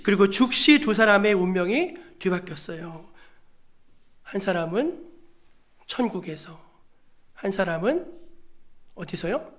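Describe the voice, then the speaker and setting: Male pastor, church sermon, high voice, emphatic, rhetorical questions. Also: expressive, unhurried, long pauses, a bit bright. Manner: has the congregation read scripture aloud on cue. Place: church sanctuary.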